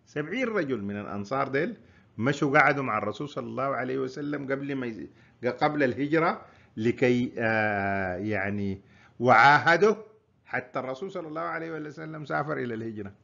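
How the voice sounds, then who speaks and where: A man's voice: mid-range voice, expressive, fast, vocal fry, sharp tone, muffled recording. A man with a Sudanese Arabic accent giving an informal history lecture, explaining and repeating his points in a conversational way.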